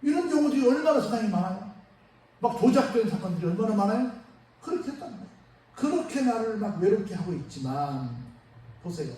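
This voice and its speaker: A man preaching a Sunday sermon as pastor, lively and conversational, throwing rhetorical questions at the congregation. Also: high-pitched, a little fast. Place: church sanctuary. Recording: echoey church sound from far off, faint noise.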